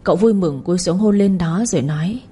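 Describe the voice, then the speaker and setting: A woman narrates a serialized family drama in an even storytelling read. Her voice is mellow and dark, with a husky edge. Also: on the low side, a little fast.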